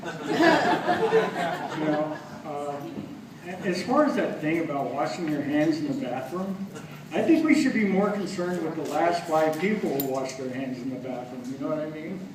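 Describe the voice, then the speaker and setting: A man's voice: fairly high pitch, expressive, normal speed, crowd noise. A man doing a stand-up comedy set in a bar or club, chatty and self-mocking, teasing the audience. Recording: echoey club from far off. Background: audience laughing.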